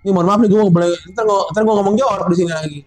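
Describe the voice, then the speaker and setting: A man casually telling a true story from a mountain hike, growing animated and high as it gets tense. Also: racing, no echo, soft background music. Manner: animated, rising pitch when excited, Jakarta slang. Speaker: storyteller guest.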